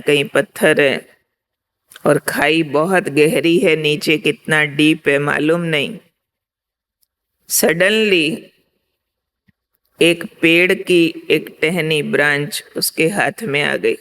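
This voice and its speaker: A woman spiritual teacher giving a class, explaining deliberately and telling a parable, checking in with her listeners. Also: low voice, clean tone. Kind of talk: spiritual discourse with storytelling.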